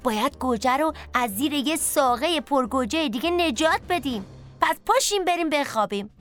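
A cheerful, bossy storybook potato, voiced by a woman with a raised, bright voice. Chatty and lively, with soft music under it. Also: high voice, voice pushed up. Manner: chatty and lively, leading the group. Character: cheerful bossy potato, plump, many-eyed.

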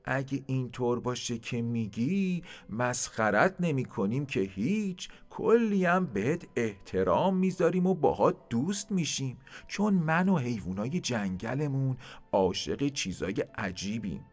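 A man playing a loud, friendly leopard chief. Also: medium pitch, expressive, voice pushed up, close to an everyday voice. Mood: reassuring. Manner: loud, warm-hearted.

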